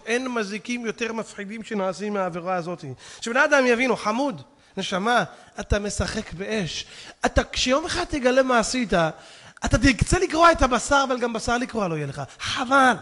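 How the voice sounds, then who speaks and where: A rabbi preaching a sermon to young men, dramatic, swinging from hushed warnings to shouts. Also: male voice, extremely high pitch, expressive. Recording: long hall reverb.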